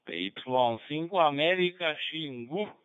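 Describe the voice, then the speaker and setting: A man from southern Brazil checking into a net as a radio amateur, heard over a ham radio, relaxed and joking. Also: fairly high pitch, smooth, no echo. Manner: relaxed, joking, drawn-out call signs. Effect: heard over a ham radio transceiver. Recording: muffled radio transmission.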